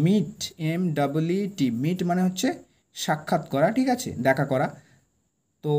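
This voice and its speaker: A man with a fairly high voice for his sex teaches English by reading a story aloud and translating it line by line. He reads each English phrase slowly and with stress, then explains it. He keeps checking in with a quick tag question to make sure the listener is following. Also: mellow.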